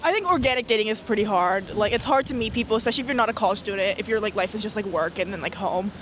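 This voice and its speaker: A woman of twenty answers street interview questions in a bubbly, quick way. She talks fast. Faint city noise runs behind her. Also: mid-range voice, a bit bright.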